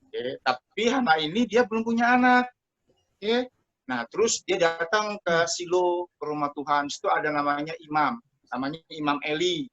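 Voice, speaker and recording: A man teaching a Sunday school Bible story to children in a lively, chatty way, talking to them directly over a video call. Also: fairly high pitch, normal speed. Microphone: computer mic over a video call. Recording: muffled lo-fi video call audio.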